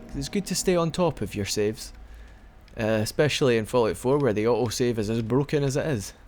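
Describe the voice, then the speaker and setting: Here a young man narrates his gameplay at a brisk clip, his medium-pitched voice a little mellow against a faint hiss or hum. He hiccups from time to time and keeps starting over in his rambling, casual let's play chatter.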